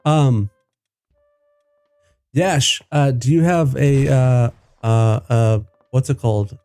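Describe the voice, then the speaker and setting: A man's voice: mid-range voice, slow pace, darkish tone, clean tone, no room sound, clean studio sound, faint music behind. A man streaming a game, chatting casually in a loose, rambling way with lots of fillers and swearing. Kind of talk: casual gaming stream chat.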